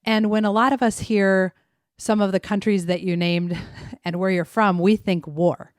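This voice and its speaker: A woman's voice: mid-range voice, steady tone, a little slow, no echo, clean studio sound. A woman hosting a podcast, introducing her guest and asking questions in a conversational, inquisitive way. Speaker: host. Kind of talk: podcast interview.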